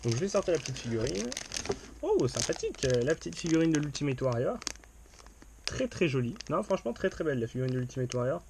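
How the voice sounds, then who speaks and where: A man's voice: a little high, very animated, fast talker, gravelly, a little mellow, a little hiss or hum. A man doing casual unboxing commentary to a camera, chatty and upbeat, with lots of fillers and restarts. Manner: upbeat enthusiasm. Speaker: unboxing vlogger.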